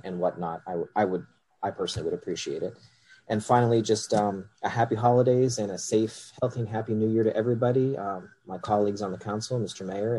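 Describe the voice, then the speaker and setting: A man's voice: lowish voice, dark tone, slight background noise, low-quality recording. A man council member making hesitant remarks with many fillers during a meeting.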